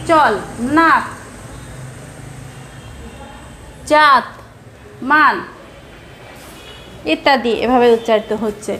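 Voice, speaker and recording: A woman teacher giving a recorded class lecture, explaining slowly with pauses and repeating example words. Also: high-pitched. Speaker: Bangla teacher. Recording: echoey room with background noise.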